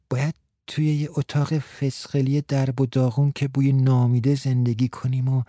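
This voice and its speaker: A man's voice: medium pitch, dark tone, no echo, studio quality, natural voice. A man voicing an anxious, lovesick young shop clerk in an audiobook, earnest and fretful. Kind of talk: audiobook character reading.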